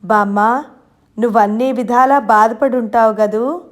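A woman's voice: fairly high pitch, steady tone, unhurried, natural voice. A woman narrator voicing a young woman who speaks faintly and hesitantly in a storybook reading. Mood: weak. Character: young woman, weak, dazed and frightened.

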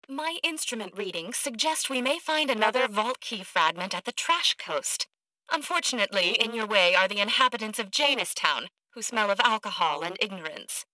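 An actress plays an eccentric, arrogant woman scientist in a video game, blunt and socially awkward, delivering lines in a clipped, precise, deadpan way. Her pitch is fairly high, and the dry recording has poor audio quality.

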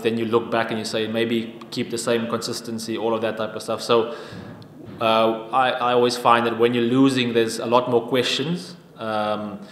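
A man in his thirties answering questions at a post-match press conference at a table mic, even-toned and halting with frequent restarts. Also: mid-range voice, a little hiss or hum. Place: press conference room with sponsor backdrop. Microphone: table microphone. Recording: echoey room with long reverb.

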